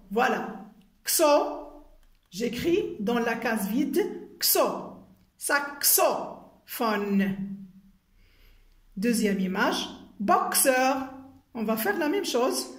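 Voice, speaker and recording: A woman teacher giving a recorded phonics lesson, slowly spelling out and repeating sounds and syllables. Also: on the high side. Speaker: primary school teacher. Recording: echoey room.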